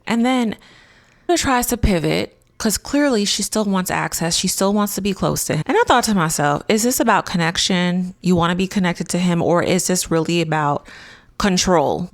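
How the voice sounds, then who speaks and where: Woman host, low gravelly voice, emphatic and dramatic recap commentary, dry close sound. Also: dry recording. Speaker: reality show recap host. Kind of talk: casual commentary vlog.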